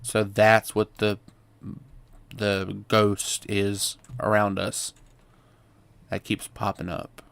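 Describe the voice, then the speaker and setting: Male streamer voicing a let's play: low, gravelly voice that reacts aloud and reads the on-screen text. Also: completely flat delivery, slow pace, long pauses, fairly bright tone. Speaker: gaming streamer.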